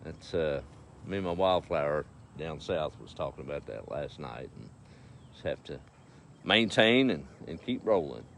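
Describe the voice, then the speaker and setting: A middle-aged man with an East Texas accent livestreams outdoors on his farm, his extremely low voice creaky yet fairly bright. He's animated but measured, folksy and easygoing as he speaks to his animals and viewers over faint outdoor noise.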